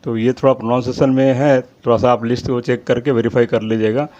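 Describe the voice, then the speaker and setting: A man hosting his own channel, reading out a long list of names in a steady rhythm and apologizing now and then for his pronunciation. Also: mid-range voice, fast talker. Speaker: channel host. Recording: slightly dull lo-fi audio.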